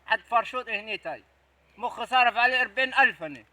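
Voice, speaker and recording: A man playing a scheming village man, bossy and hushing others as he plans to steal clover. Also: extremely high pitch, expressive, quick pace, dry recording, exaggerated voice. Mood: bragging.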